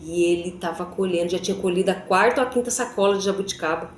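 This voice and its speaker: A woman's voice: fairly low pitch, fast talker, a little hiss or hum. A woman telling a personal faith testimony, chatty and often turning to her viewers with little tag questions. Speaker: vlogger giving a faith testimony. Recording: echoey room.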